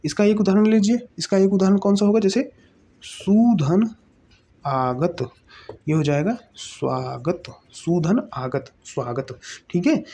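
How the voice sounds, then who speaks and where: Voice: medium pitch, warm tone. A teacher giving an exam-prep grammar lesson, explaining step by step, asking and answering their own questions and checking in often. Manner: repeats terms and checks in often.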